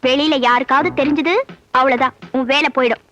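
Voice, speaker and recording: An actress playing a shrewd, bossy housewife in a comedy film, coaxing and giving orders. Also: female voice, high-pitched, steady tone, quick pace, bright, forceful tone. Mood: conspiratorial. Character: shrewd, scheming middle-aged housewife. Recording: dull film soundtrack, faint music.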